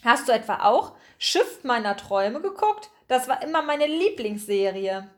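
A woman's voice: a little high, sing-song, normal speed. A woman voicing a small lab animal of unclear sex, a dreamy fan who talks wistfully and recites theatrically.

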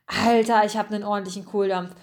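A woman's voice: mid-range voice, steady tone, fairly quick, darkish tone, close to an everyday voice. A woman voicing a hungry, easygoing male mouse who talks in casual slang, for a storybook. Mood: boisterous. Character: hungry laid-back male brown mouse.

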